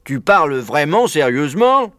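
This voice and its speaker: A man voicing an excitable old male badger, raising his voice high and loud in agitation. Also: moderate pace, lightly acted. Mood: agitated.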